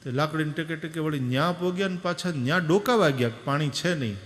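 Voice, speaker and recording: A man giving an animated devotional sermon, telling stories and moving from soft to loud. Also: a little high, fast. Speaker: katha preacher. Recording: long echo of a large hall.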